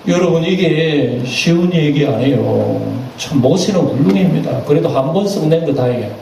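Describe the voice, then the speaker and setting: A male pastor preaching a sermon, animated and acting out voices as he goes. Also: fairly high pitch, moderate pace, creaky. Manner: animated, acts out quoted voices. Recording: echoey church hall, distant mic, faint noise.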